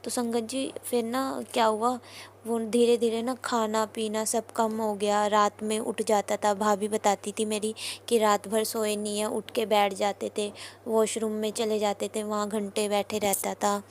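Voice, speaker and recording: A woman's voice: mid-range voice, little pitch movement, measured pace, slight background noise. A young woman earnestly recounting a personal testimony to a congregation, often turning to address her listeners directly. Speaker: devotee sharing a testimony.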